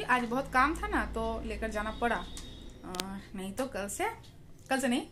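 High-voiced chatty young woman vlogger. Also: pushed and bright, slight background noise. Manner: chatty, talks baby talk to a small child. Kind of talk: casual chat.

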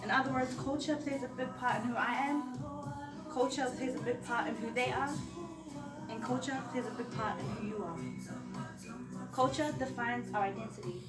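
A teenage girl from Samoa delivering a prepared formal speech at the front of a classroom, measured and earnest, with rhetorical repetition. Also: a little high, loud music behind the voice. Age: teens. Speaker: student speaker. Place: large classroom, standing at front. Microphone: far camera. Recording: echoey classroom from far off.

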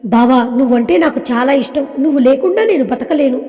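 An obsessive, jealous young woman, read by a woman narrator, pleading and threatening by turns. The voice sits high and mellow, with a long reverb trailing behind it. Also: brisk, faint music behind, lightly acted.

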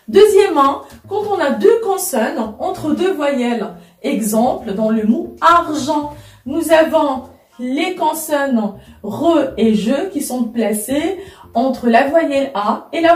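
A woman teaching a French lesson, patient and careful, often repeating herself and spelling out examples. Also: sits high. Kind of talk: slow explanatory lesson. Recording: echoey room, voice from a distance, soft music behind.

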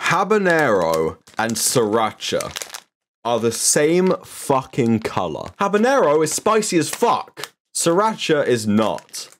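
A man's voice: mid-range voice, takes it slowly, slight background noise. A young man chatting casually on a live stream, swearing freely and exclaiming. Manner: animated, swears a lot, exclaims.

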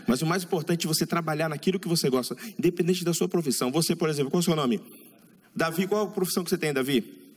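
Fast-talking male stand-up comic. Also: fairly high pitch, long reverb tail. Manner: rapid anecdotal delivery, acts out dialogue. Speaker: stand-up comedian. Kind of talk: stand-up comedy routine. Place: comedy club stage.

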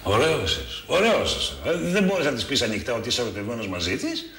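A man's voice: medium pitch, very animated, a bit bright, reverberant, a little hiss or hum. An actor playing an ironic, teasing friend who mocks his colleague. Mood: mocking. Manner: ironic, teasing, rising to mockery. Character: mocking friend, ironic and philosophical. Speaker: actor in TV drama.

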